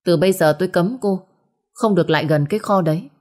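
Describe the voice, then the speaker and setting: A woman's voice: on the low side, fast, a little mellow, lightly acted. A woman voicing a stern, curt young husband in a storybook.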